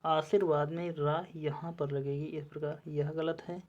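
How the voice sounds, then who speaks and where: A woman teacher with a low, mellow voice talks through exam spelling questions at an unhurried pace. She repeats each word as she checks it, moving methodically from option to option. The recording is slightly dull and lo-fi. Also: flat delivery. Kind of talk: explaining spelling quiz answers.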